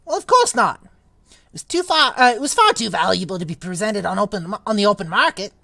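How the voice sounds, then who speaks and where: A fussy male spirit shopkeeper, gossipy and fawning, as a woman does him in a read-aloud, his pitch leaping up and down as he goes. He hesitates and trails off between bits of gossip, heard close and dry. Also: sing-song, fairly quick, vocal fry, sharp tone, no echo, heavily acted. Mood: mournful. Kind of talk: reading a novel aloud.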